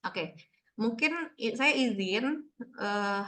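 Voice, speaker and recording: A woman facilitating a read-aloud workshop over a video call, explaining in a relaxed, reassuring way with many fillers. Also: fairly high pitch, extremely slow. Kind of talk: casual teaching on a video call.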